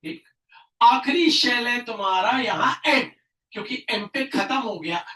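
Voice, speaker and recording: A man tutoring a class, quizzing and answering himself with sudden loud emphasis. His tone is bright and sharp. The voice bounces around an echoey room, picked up from a distance. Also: extremely high pitch, animated, unhurried. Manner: asks questions and answers them himself, loud bursts of emphasis; mixes English science terms into Hindi. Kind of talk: classroom chemistry lesson.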